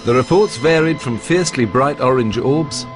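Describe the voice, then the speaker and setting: A man's voice: medium pitch, moderate pace, over music. A man giving scripted documentary narration.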